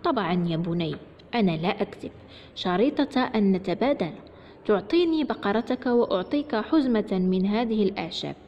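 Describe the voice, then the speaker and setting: A mysterious, kindly stranger from a children's tale, voiced by a woman storyteller, gentle and soothing as he coaxes. The reading has a dull, echoey sound with a long reverb and faint noise underneath. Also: medium pitch, lively intonation, fairly quick, lightly acted. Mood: reassuring. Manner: gentle, reassuring.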